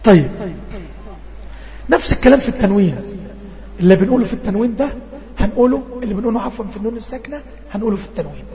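A man with an Egyptian accent teaching Quran recitation in an online lesson, voice a little strained, drawing out sample words slowly and checking in often with his class. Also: high-pitched, lively intonation, warm tone. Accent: Egyptian Arabic. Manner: slow drawn-out demonstrations of recited words. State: voice a bit strained. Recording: dull lo-fi audio with long reverb.

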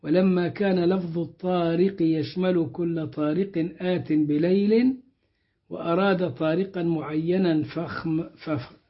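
A man teaching a Quran commentary lesson, explaining verses in a measured way and slowing down when he quotes them. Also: fairly high pitch, steady tone. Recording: dull lo-fi recording.

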